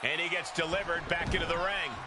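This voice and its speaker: A man working as an urgent, excited play-by-play wrestling commentator in a video game. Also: a little high, fast, lightly acted. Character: animated, urgent male wrestling play-by-play caller. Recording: loud crowd and arena noise.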